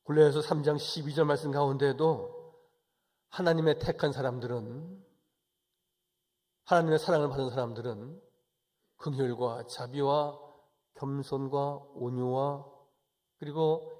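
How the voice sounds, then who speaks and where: A male pastor giving a Sunday sermon, moving from calm, chatty explanation to forceful, raised exhortation. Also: mid-range voice, unhurried, pauses often.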